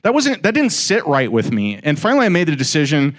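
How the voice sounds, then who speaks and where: At an investor meetup, a guest speaker in his forties chats informally to a live room audience, joking and teasing people in asides. His voice sits on the high side, swooping wildly in pitch, and he talks a little fast.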